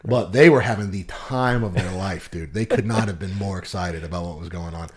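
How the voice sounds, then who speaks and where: A man's voice: low voice, brisk, a crowd in the background. A man hosting a casual interview podcast in an informal, chummy buddy style. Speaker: host.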